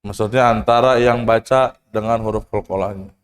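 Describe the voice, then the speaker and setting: A man's voice: lowish voice, steady tone, moderate pace. A man teaching Quran recitation, asking the class questions, demonstrating sounds, adding casual jokes. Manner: casual, joking asides. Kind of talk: tajwid lesson to students. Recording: echoey hall with long reverb.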